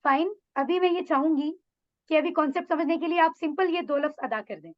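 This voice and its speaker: Lady teacher on an online call, high voice, kind of muffled audio, tosses in english words. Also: fairly quick. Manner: mixes English phrases into Urdu, encouraging. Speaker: Quran Arabic teacher. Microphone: video call mic.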